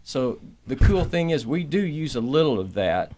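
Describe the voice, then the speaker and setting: A man's voice: mid-range voice, very animated, normal speed, warm tone. A mature man talking casually as an interview guest, folksy, easygoing and a little rambling. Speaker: interview guest, entertainer promoting a comedy tour. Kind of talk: casual chat. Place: radio studio.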